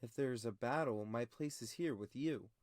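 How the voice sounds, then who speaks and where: A man voicing a smooth-talking young knight who speaks earnestly. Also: mid-range voice, normal speed, darkish tone, dry recording, clean studio sound, close to an everyday voice.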